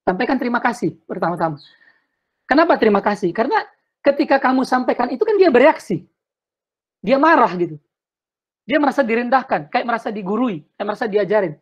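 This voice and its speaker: A man's voice: very high-pitched, lively intonation, quick pace, pauses often. A man giving earnest sermon-style answers on a video call, repeating words and slipping in English phrases. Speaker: speaker answering questions. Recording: dull lo-fi video call audio.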